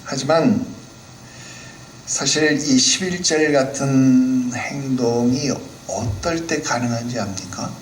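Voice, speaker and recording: A man pastor delivering a Sunday sermon in a playful, animated way, often asking the congregation questions. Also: mid-range voice, takes it slowly, reverberant, a little hiss or hum, rough recording. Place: church hall.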